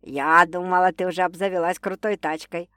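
A woman's voice: lowish voice, steady tone, fairly quick, a bit bright, no room sound, studio quality, lightly acted. A woman voicing a blunt, skeptical older sister who talks in brash slang in an audiobook. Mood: joking.

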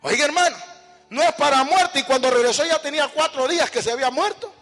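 High-voiced fervent man preaching in an echoing church. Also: quick pace, fairly bright tone, soft background music. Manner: fervent preaching with call-and-response questions to the congregation. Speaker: pastor. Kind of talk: sermon. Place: church hall. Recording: echoey church hall with long reverb.

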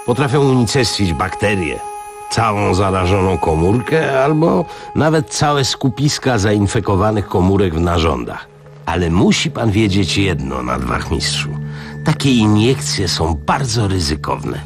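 A man reading a novel aloud on radio, voicing a learned male pathologist who explains at length in a measured way. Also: fairly low pitch, expressive, music in the background. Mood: lecturing. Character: learned middle-aged male pathologist, lecturing.

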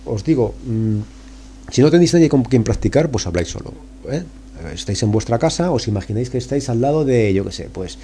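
A man's voice: on the low side, dark tone, slight background noise. A man with a Spain Spanish accent hosting a podcast, talking casually and informally, coaxing listeners and repeating words for emphasis. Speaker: podcast host. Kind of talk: casual solo podcast talk.

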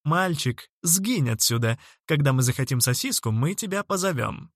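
A man's voice: a little high, expressive, normal speed, no echo. Guy doing a fussy smitten suitor, syrupy then snappy, dry sound. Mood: irritated. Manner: syrupy, purring when wooing, snappish when annoyed. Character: pompous smitten adult male suitor, fussy.

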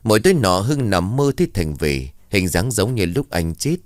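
A man with a very deep voice narrates a somber story in a steady, even manner. The sound is close and dry, with no room around it. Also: moderate pace, no echo.

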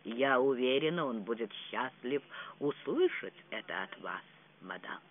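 A reader voicing a quiet, dryly deferential older lady's maid in an audiobook. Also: mid-range voice, expressive, unhurried, pitched below the performer's own voice. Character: dry, low-voiced older lady's maid. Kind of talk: audiobook reading. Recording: tinny phone-like sound.

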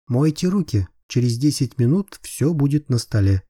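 A man reading an audiobook, voicing a calm, caring male friend with dry, gentle irony. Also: medium pitch, normal speed, slightly rough, dry recording.

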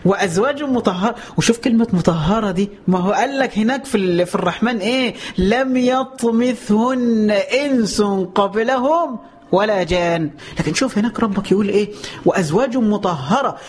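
A preacher with an Egyptian Arabic accent gives a colloquial religious lesson in a high-pitched, animated voice. He fires off rhetorical questions and drawn-out exclamations, then slows right down to recite scripture, with a little hiss or hum audible.

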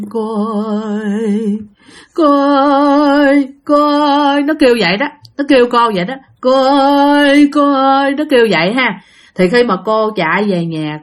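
A woman's voice: medium pitch, fairly bright tone. A woman with a Southern Vietnamese accent telling ghost stories in a casual, chatty way, often speaking straight to her listeners. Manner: chatty, addresses listeners directly. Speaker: storyteller host. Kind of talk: casual spoken ghost-story narration.

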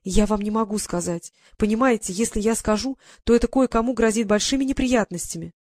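A woman's voice: medium pitch, fairly quick, a little mellow, no echo, clean studio sound, lightly acted. A reader voicing a frightened, naive young English lady who pleads and holds back tears. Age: young adult. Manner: pleading, tearful.

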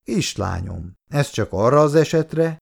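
A wry middle-aged mother, put on by a man reading aloud in a storybook. She speaks higher, soothing and a little dry. A gravelly edge stays in the voice. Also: lively intonation, a little mellow.

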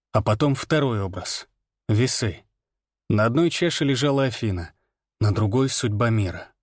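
A man reading first-person fiction aloud in a steady, measured way. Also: mid-range voice, dry recording, studio quality. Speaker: audiobook narrator. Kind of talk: scripted first-person narration.

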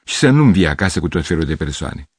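A stern young woman, curt and cold, as a man voices her in a story reading. The voice stays low, husky and dry, with short clipped lines. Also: sing-song, dry recording, exaggerated voice.

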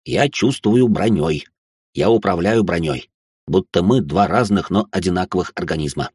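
A man's voice: sits low, lively intonation, moderate pace, a little mellow, slightly rough, dry recording, studio quality. A man narrating an audiobook in a casual, slangy storytelling manner.

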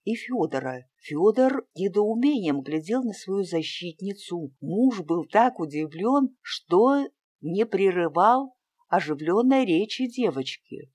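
Measured audiobook narrator. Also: mid-range voice, expressive, a little mellow, husky. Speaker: audiobook reader. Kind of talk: scripted narration.

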